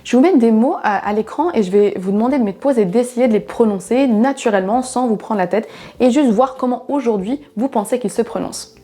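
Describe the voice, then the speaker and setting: A woman teacher whose first language is French walks learners through English word stress in a calm, explanatory way. Her voice sits a little high with a soft, mellow tone. She models each example slowly, leaning on the stressed syllable, over faint background music. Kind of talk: online pronunciation lesson.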